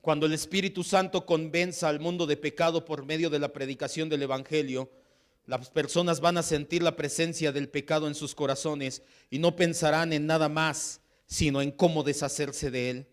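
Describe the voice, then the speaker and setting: A Mexican pastor preaching with fervor, his voice sitting a little high for a man. He delivers an impassioned sermon and slips into the voices of the people he quotes. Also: fairly even intonation, normal speed. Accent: Mexican Spanish.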